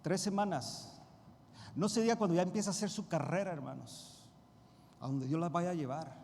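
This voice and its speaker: A fairly high-voiced man preaches to his church congregation. He drops to a hush, then rises into loud, emphatic bursts. The voice rings with a long church-hall reverb over a faint hiss. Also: normal speed, vocal fry. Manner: addresses congregation directly as brothers. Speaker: pastor. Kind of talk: sermon. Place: church sanctuary.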